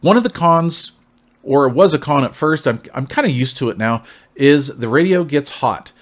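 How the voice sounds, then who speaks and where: An American man hosts his channel's casual CB radio review, talking in a folksy, long-winded way and often checking in with the listener. His voice sits on the high side, with lively intonation and a moderate pace.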